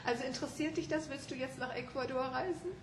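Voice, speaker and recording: A woman's voice: sits high, steady tone, fast. A woman teacher interviewing a language student conversationally, encouraging with frequent affirmations and prompts. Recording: roomy echo, clear background noise.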